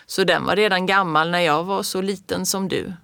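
A reader voicing an old grandmother in a storybook tale, speaking slowly, softly and solemnly. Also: medium pitch, steady tone, creaky, smooth, no echo. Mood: hushed solemn. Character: solemn old grandmother, gentle keeper of secrets.

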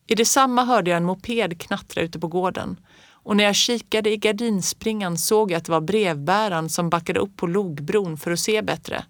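A woman narrating a children's story aloud in a lively, expressive way. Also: mid-range voice, no echo, clean studio sound.

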